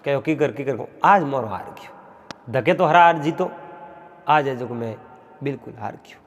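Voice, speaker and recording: A man with a Marwari accent telling a traditional folk tale in a rhythmic, repetitive way, pausing often. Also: mid-range voice, expressive, big-room sound. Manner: repetitive, rhythmic telling with frequent pauses and fillers. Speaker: folk storyteller.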